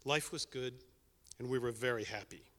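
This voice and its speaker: A man's voice: medium pitch, normal speed, a bit bright. Wry older man telling a story in a hall. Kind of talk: told personal story on stage. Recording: long hall reverb.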